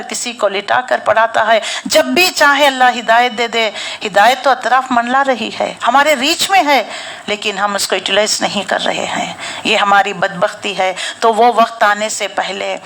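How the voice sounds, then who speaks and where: A middle-aged woman lectures on Quran tafsir as a teacher. Her voice sits a little high. She tells stories in an animated way and keeps asking rhetorical questions.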